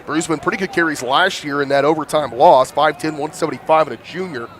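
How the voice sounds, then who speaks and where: A man doing live high school football commentary with a thick smoker's rasp, congested from hay fever. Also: fast, fairly bright tone. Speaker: play-by-play announcer. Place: outdoor football stadium broadcast.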